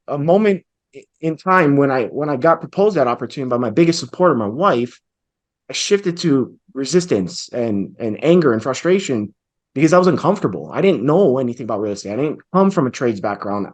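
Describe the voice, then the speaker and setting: A Hawaiian man in his forties, a real estate investor, reflects earnestly on his story in an interview over video call, seated in a home office with bookshelves. He speaks at medium pitch, expressively and fairly quickly.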